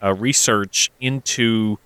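A man's voice: on the low side, slow pace, sharp tone, clean tone, no room sound. A man co-hosting a casual movie podcast, hesitant and joking. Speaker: podcast co-host.

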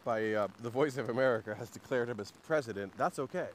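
A man riffs sarcastically through a relaxed podcast conversation, full of ums and likes. He sits at an ordinary middle pitch. A faint hiss of background noise runs under his voice. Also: fast talker. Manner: sarcastic, joking, many fillers. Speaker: podcast host. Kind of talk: casual chat.

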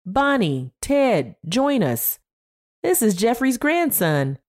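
A woman's voice: fairly low pitch, lively intonation, normal speed, dark tone, natural voice. A woman voicing a chatty older woman from a council of old travelers, with her voice raised above her own.

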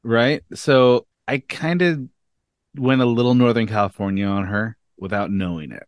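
A man co-hosting a podcast, telling stories in a lively, chatty way. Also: mid-range voice, normal speed, smooth, no room sound, clean studio sound. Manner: lively storyteller. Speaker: podcast co-host. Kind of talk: casual chat.

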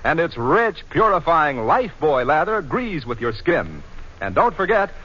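A man's voice: on the high side, sing-song, normal speed, pushed and bright, husky. A man with an American accent reading a scripted 1940s radio advertisement as an old-time announcer. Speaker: commercial announcer. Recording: muffled vintage 1940s radio broadcast.

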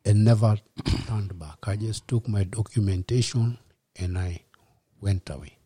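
A man in his fifties with a Kenyan accent, a podcast guest telling his life story in a reflective, unhurried way and slipping in Swahili words. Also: lowish voice, mellow, breathy edge, no echo. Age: 50s. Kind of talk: personal storytelling in a podcast interview.

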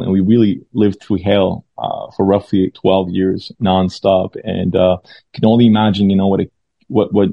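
A young man from Lebanon telling his life story as an interview guest, halting and full of fillers and restarts. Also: low-pitched, creaky, no room sound. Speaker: guest sharing his testimony. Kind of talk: conversational personal testimony. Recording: dull lo-fi sound.

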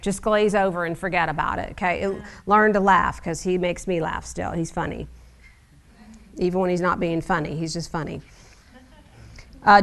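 A middle-aged woman preaching a sermon in a conversational, wry teaching manner with frequent asides. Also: on the low side.

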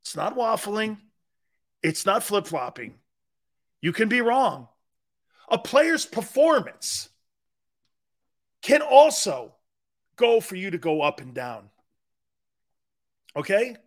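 A man's voice: sits high, big pitch swings, takes it slowly, long pauses. A man from Connecticut hosting a sports talk show, talking bluntly and directly to his viewers in a casual way. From Connecticut, USA.

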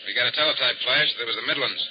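A brisk young newspaper reporter, played by a man in a 1940s radio play, pressing everyone with questions. His voice sits at an ordinary middle pitch. The old broadcast sounds dull and muffled. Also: slightly rough, lightly acted. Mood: pushy.

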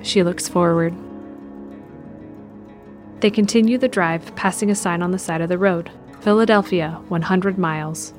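In a scripted audio drama, a fairly low-voiced woman narrates with measured, descriptive delivery as music plays faintly in the background.

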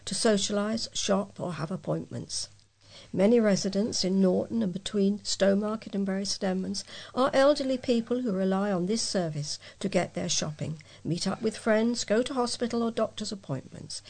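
A woman reading local news stories aloud in a plain, even delivery as a volunteer reader. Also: medium pitch, creaky.

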